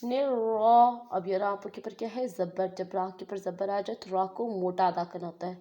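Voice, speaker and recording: A woman teaches Quran recitation step by step. She chants phrases slowly and stretches them out, then explains each rule by asking and answering her own questions. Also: mid-range voice, fairly even intonation, dark tone. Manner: slow, drawn-out recitation between patient explanations. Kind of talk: step-by-step tajweed lesson.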